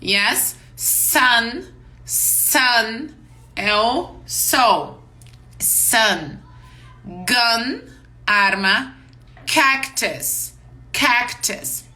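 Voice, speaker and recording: Bright-voiced woman teaching pronunciation slowly. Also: on the high side, lively intonation. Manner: slow, drawn-out model words; checks in with "yes?" and "ok?". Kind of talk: live online class. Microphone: live-stream mic.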